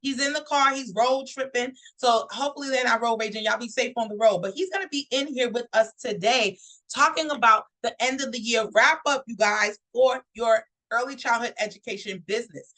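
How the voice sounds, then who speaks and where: A woman hosts a live online show with a bright, forceful voice sitting a little high. She is upbeat and chatty and talks straight to her viewers. She grew up in New York. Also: brisk, low-quality recording. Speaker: host. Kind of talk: live-stream talk show host.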